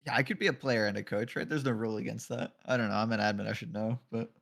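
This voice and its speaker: A man doing color commentary on a live esports draft. He sounds relaxed and joking, laughs easily and lets the odd swear slip. His voice sits at an ordinary mid pitch. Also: fast talker, gravelly. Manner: casual and joking, laughs often, swears offhandedly.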